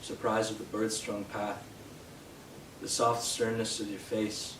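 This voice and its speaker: A young man from Canada giving a live poetry reading in a bookshop, hesitant with fillers between poems and steady in his verse. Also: fairly low pitch, unhurried. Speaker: poet. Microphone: distant from the mic. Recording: roomy, distant, noisy live room sound.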